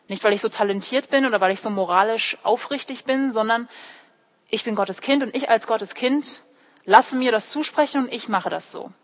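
Her voice is on the high side and fairly bright as this young adult theology student preaches at church, explaining directly to her listeners with short quoted lines and personal stories. A native English speaker, she was born in California and grew up in Heidelberg, Germany; the hall echoes with long reverb.

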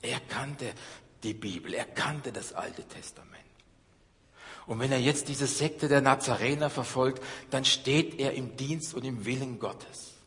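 A middle-aged man delivers a sermon in an earnest preaching manner, rising to loud emphasis and then dropping to hushed, low passages. His voice sits at an ordinary pitch. A long reverb from the church hall trails after every phrase. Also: a little slow. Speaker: pastor.

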